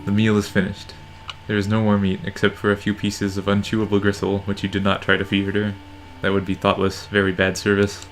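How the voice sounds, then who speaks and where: A narrator reading a visual novel game aloud in a deadpan way. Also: deep voice, fairly quick, hardly any pauses, slight background noise, low-quality recording. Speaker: narrator in a let's play.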